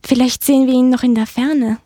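A small, proud mouse squeaks quickly and brightly in a children's radio story, voiced by a woman. Her voice is very high and dry. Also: fairly even intonation, no room sound.

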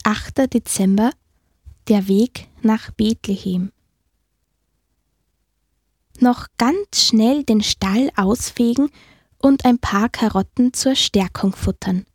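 A woman gently narrating a children's Christmas story in a slow, storytelling manner. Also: a little high, no room sound, studio quality.

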